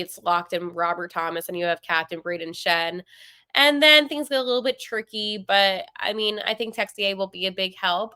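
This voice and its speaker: A woman hosting a sports podcast, talking casually and with strong opinions, full of fillers and quick asides. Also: medium pitch, pushed and bright, smooth, no room sound, studio quality. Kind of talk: casual solo podcast commentary.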